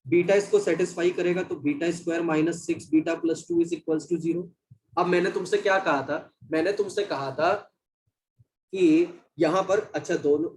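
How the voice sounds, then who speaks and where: A man leads a live online maths class in a slightly high voice. He talks to his students like family, calling them "beta" and "bhai" while he walks through the working. Faint noise sits under the recording. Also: darkish tone, poor audio. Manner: addresses students as beta and bhai, reads chat aloud. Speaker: maths teacher.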